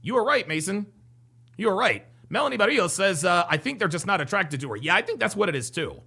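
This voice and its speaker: A man's voice: high voice, big pitch swings, brisk, creaky, sharp tone, breathy edge. A man commenting live on a dating show clip, joking and repeating himself as he reads out viewer comments. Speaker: streamer reacting to a dating show. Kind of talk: live stream reaction commentary.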